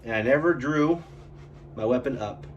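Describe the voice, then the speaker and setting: Young man, casual storytelling vlog, middle pitch, faint room hum behind. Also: normal speed, dull audio. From California, USA. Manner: animated retelling, acting out what others said. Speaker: vlogger.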